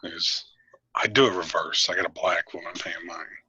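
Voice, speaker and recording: A man from Illinois co-hosting a podcast, chatting casually with laid-back deadpan jokes. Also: low-pitched, moderate pace, slightly rough, no echo, poor audio. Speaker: podcast co-host. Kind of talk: casual chat.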